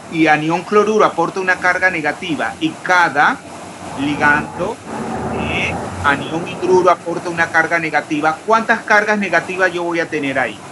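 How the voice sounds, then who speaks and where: A man's voice: on the high side, noisy background. A man teaching a chemistry class, asking his students questions and spelling out formulas step by step. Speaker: chemistry lecturer. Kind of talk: online class lecture.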